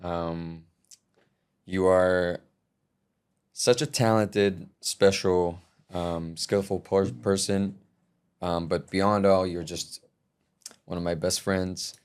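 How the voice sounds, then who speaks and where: Relaxed and leaning heavily on fillers, a young podcast host and musician chats warmly with his guest and compliments them freely. His voice is low-pitched, clear, and resonant.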